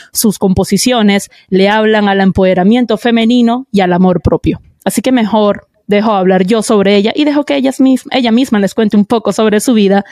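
A woman's voice: medium pitch, dark tone, dry recording, clean studio sound. A woman hosting a casual podcast interview, effusive and chatty as she introduces and praises her guest. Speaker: podcast host.

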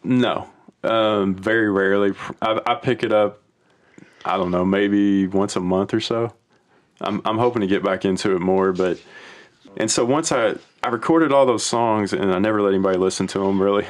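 A man's voice: lowish voice, moderate pace. Laid-back man rambling about music. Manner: rambling and relaxed, with frequent restarts. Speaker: podcast guest, home-recording musician. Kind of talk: casual chat.

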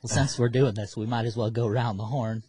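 A man co-hosting a podcast, chatting casually and questioning spirits slowly and solemnly. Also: medium pitch, fairly even intonation, dark tone, husky, dry recording. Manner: slow, solemn questioning when addressing spirits. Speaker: podcast co-host. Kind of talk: casual banter.

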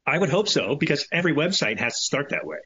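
A man's voice: fairly high pitch, sing-song, fast, sharp tone, breathy edge, dry recording. A man co-hosting a podcast, chatting casually, laughing often and joking loosely. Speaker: podcast co-host. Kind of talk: casual chat. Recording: dull lo-fi sound with faint music.

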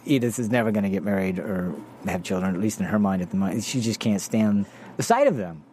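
A man's voice: fairly low pitch, a little hiss or hum. Chatty man recapping a TV episode. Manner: animated, quick to laugh, restarts a lot. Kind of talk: casual chat about a TV drama.

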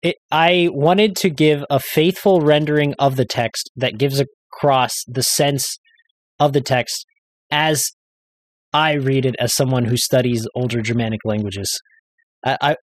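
Man reading a translation slowly. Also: mid-range voice, no echo, rough recording. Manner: reads slowly and carefully, stumbles on restarts. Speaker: podcast co-host. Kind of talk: casual chat.

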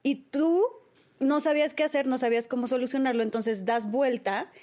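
A woman's voice: high-pitched, darkish tone. Teasing Mexican woman podcast host. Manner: teasing, quick interjections. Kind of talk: casual chat.

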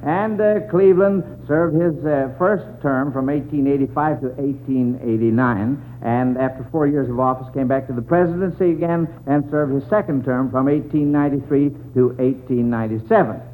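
A man's voice: mid-range voice, moderate pace, few pauses. An American man hosting a 1940s radio quiz, reading questions in folksy schoolmaster patter on a tinny, noisy old broadcast. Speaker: quiz show host.

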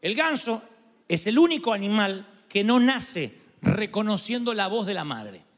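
Argentine male pastor, high voice, lively sermon delivery with playful imitations, big echoing hall. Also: a little slow. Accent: Argentine Spanish. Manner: animated, imitates voices and goose honks for humor. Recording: long hall reverb.

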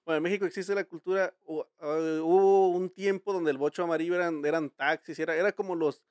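A man's voice: high voice, steady tone, fast talker, a little mellow, dry recording, clean studio sound. A Mexican man hosting a casual podcast chat, telling rambling, slang-filled stories with many restarts. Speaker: podcast host.

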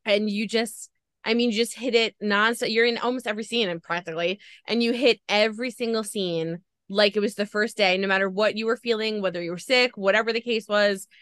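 A woman's voice: mid-range voice, fairly even intonation, brisk, fairly bright tone, smooth, no echo. A woman hosting a podcast interview, talking in a gushing, effusive way. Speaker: podcast host. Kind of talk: emotional interview chat.

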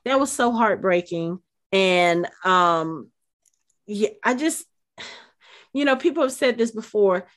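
A woman's voice: medium pitch, lively intonation, slow, long pauses. A middle-aged woman co-hosting a podcast, chatting casually and emotionally, with many fillers and restarts. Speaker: podcast co-host.

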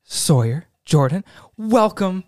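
A man's voice: sits high, animated, slow, a little mellow, no echo. A man hosting a podcast in a studio, chatting loosely with guests, joking and swearing freely. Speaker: podcast host. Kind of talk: casual podcast chat.

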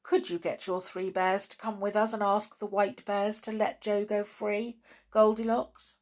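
A woman reading aloud and voicing Moonface, a little magical man who pleads and urges with raised pitch. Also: little pitch movement, a little slow, darkish tone, lightly acted. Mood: worried.

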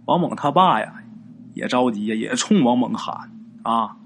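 A man tells a ghost story, his pitch rising and falling widely as he acts out the characters. A faint noise sits under the voice. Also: animated, normal speed, creaky. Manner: colloquial, acts out characters' lines with big pitch jumps. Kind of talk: casual spoken ghost story narration.

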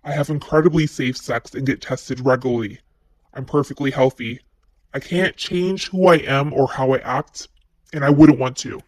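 A man with a disguised voice, played back from a voicemail, calmly and frankly reading a personal confession. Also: mid-range voice, normal speed, poor audio. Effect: disguised voice, masked by a voice changer. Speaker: listener leaving a voicemail.

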